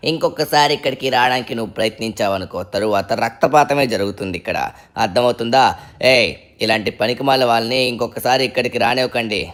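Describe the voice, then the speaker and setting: A man playing a haughty spoiled rich kid, scornful, bright sharp tone, game role-play dub. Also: medium pitch, fast talker, natural voice. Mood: arrogant. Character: spoiled arrogant young man, politician's son.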